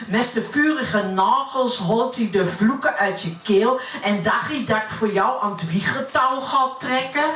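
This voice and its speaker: A woman's voice: medium pitch, fairly bright tone, natural voice. A woman reciting dialect poetry as a brash, cheeky working-class woman with a broad Utrecht Dutch accent. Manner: earthy, colloquial, cheeky. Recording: roomy, distant mic, faint noise.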